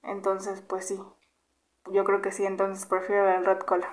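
A young Mexican woman in her twenties, with a Mexican Spanish accent, hosts a casual Q&A vlog on YouTube, answering viewer questions at normal speed in a mid-range voice. She's relaxed and chatty, hums between questions, and records on a nearby handheld camera in a small bedroom.

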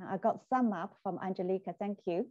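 A woman giving a measured, deliberate academic talk over a video call. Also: medium pitch, dark tone, no room sound. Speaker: guest lecturer. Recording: dull video call audio.

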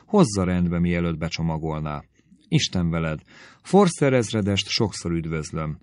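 Low-voiced man doing a silly reckless teen girl, slow lilting audiobook read, dry sound. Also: sing-song, a little mellow, no echo. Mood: giddy. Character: giddy, reckless teenage girl writing a letter. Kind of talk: audiobook character reading.

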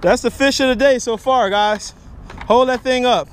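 A young man vlogging his fishing from a bridge by the sea, excitable and talkative, filmed on an action camera outdoors. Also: very high-pitched, normal speed, a little hiss or hum. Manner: excitable, hollers and laughs, repeats himself.

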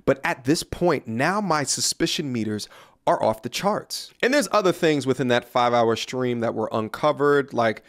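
A man's voice: mid-range voice, expressive, moderate pace. A man in his thirties delivering a pointed, earnest commentary on a studio microphone in a small room. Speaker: commentary YouTuber. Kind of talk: scripted commentary video. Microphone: studio mic on a boom in front of him.

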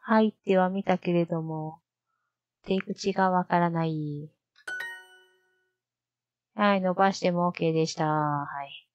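A woman streamer chatting casually to herself, slowly repeating practice sentences and musing aloud. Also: lowish voice, steady tone, dry recording, highs cut off. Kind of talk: casual live-stream commentary.

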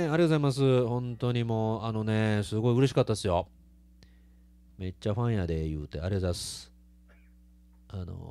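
A man with a Kansai accent, a singer chatting casually with his live stream audience between songs, laughing often. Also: mid-range voice. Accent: Kansai Japanese. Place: small live music venue.

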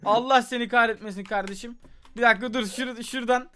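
A man hosting a casual gameplay video, talking fast and getting exasperated, often breaking into shouts. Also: very high voice, faint music behind. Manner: excitable, exasperated outbursts, frequent shouting. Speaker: gaming channel host.

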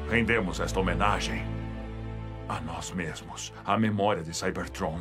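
A giant robot leader with a deep voice. He speaks solemnly and formally, with noble gravity. Music plays clearly behind this cartoon commander. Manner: grave, measured, formal. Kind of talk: animated series dub acting.

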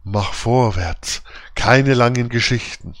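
Sinister robbers with hollow, growling voices, slow menace, read by a man; dry close sound. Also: mid-range voice, no echo. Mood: menacing. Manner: slow, threatening.

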